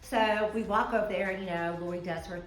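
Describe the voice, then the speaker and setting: A woman telling funny stories about a friend in a casual, animated way, laughing as she goes. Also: lowish voice, fast, reverberant, faint music behind, poor audio. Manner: animated, laughs while telling, shrieks to act out others. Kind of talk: casual storytelling.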